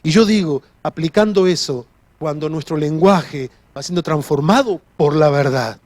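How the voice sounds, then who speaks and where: A man delivers a sermon in a high voice. He is earnest, often restarts a sentence and repeats key phrases. The sound is dry and close. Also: moderate pace, darkish tone, no room sound. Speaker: pastor.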